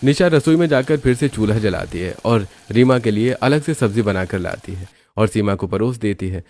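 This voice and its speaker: A man narrating a cartoon story in a steady storytelling manner. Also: on the low side, moderate pace. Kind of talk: scripted narration.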